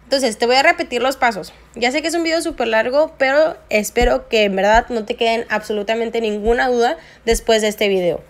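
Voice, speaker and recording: A woman's voice: fairly high pitch, a little fast, few pauses. A woman, chatting through a phone screen tutorial and repeating her points for emphasis. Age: 20s. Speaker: network marketing vlogger. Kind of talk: screen-recorded tutorial narration.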